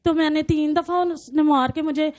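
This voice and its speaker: A woman with a high-pitched voice speaks as a guest in a TV studio. She tells her own story in short, broken phrases and often circles back to repeat herself. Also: steady tone, darkish tone. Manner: halting, fragmented speech with repeated phrases. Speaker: guest on talk show. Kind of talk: recounting personal story in interview.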